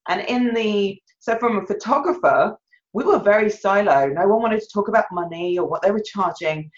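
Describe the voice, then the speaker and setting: A woman guest tells her career story in an animated, rambling way, often laughing at herself. Her voice comes through dull, slightly muffled remote-call audio. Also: medium pitch, normal speed. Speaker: filmmaker and guest. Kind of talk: conversational interview storytelling.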